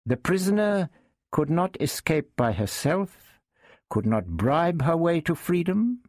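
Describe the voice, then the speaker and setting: A man voicing a shrewd, commanding male sultan who speaks in a measured, deliberate way. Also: on the high side, very animated, a little mellow, no room sound, studio quality, voice pushed up.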